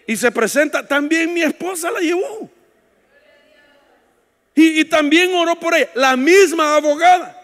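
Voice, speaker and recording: High-voiced preacher in an echoing hall. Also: male voice. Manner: storytelling preacher, swings from shouts to hushed asides; jokes with the congregation. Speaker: pastor. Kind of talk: sermon at a women's retreat. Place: church hall. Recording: long echo of a large hall.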